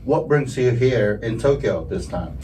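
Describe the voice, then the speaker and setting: A man hosts the interview, asking his questions in an easy, friendly way and affirming the guest often. His voice sits at a middle pitch and comes from a short distance off the mic. Faint studio noise sits in the background. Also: animated, a little slow, warm tone. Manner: eager, frequent affirming yeahs. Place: rehearsal studio.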